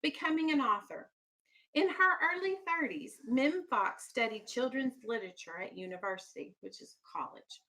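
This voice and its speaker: On the high side with a sharp tone, this woman's expressive voice moves at a normal speed, though the audio is poor. As an elementary school teacher, she reads aloud to young children, explains simply, checks understanding with questions and is firm about keeping them on task.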